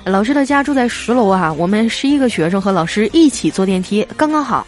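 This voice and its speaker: A woman hosting a radio-style show, reading listener jokes aloud with playful storytelling and drawn-out particles. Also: mid-range voice, expressive, a little mellow, faint music behind.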